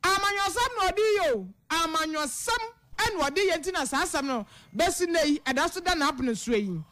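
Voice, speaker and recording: A woman presenting the news in an emphatic newsreader manner, at times rising almost to a shout. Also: very high voice, lively intonation, moderate pace, dry recording. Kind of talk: news reading.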